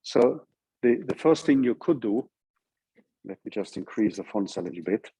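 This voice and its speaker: A Norwegian man gives an informal university lecture walking through code, explaining step by step and checking in with his listeners. His lowish voice is animated, warm and slightly rough at normal speed, on a low-quality recording.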